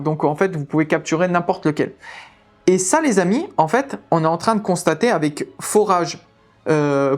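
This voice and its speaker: A woman with a French accent hosting a tabletop game channel, chatting through new rules with lots of fillers and halting English readings. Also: on the low side, darkish tone. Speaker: tabletop game video host. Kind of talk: casual rules explanation to viewers.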